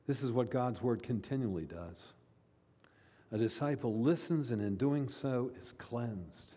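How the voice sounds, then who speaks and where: A man's voice: medium pitch, measured pace, warm tone, long reverb tail. A man preaching a sermon as pastor, speaking earnestly and repeating key phrases for emphasis.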